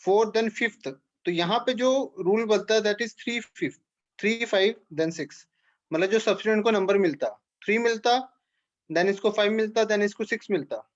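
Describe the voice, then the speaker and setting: A man's voice: high voice, normal speed, muffled recording. A man teaching an organic chemistry class, explaining step by step and checking in with questions to his students. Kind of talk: classroom lecture.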